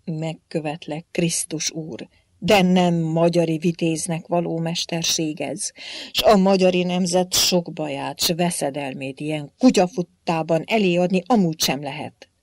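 Woman doing a loud blustering old warrior-king. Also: sits low, steady tone, dry recording, studio quality. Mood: defiant. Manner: loud, blustering, archaic speech. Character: boisterous old Hungarian warrior-king saint, defiant.

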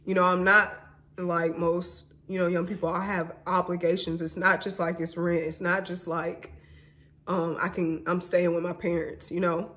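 A woman's voice: fairly low pitch, flat delivery, normal speed, fairly bright tone. A young woman in her twenties from Mississippi speaks to her viewers in a personal vlog. She is candid and emotional, calling them y'all and honey as she tells her story. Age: 20s. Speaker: vlogger.

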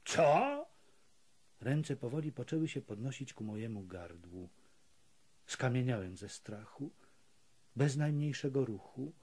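Lektor audiobooka, ochrypły, ciemny głos, czyta wolno. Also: male voice, mid-range voice, animated, a little slow, warm tone, breathy edge. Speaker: audiobook reader. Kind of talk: literary audiobook narration.

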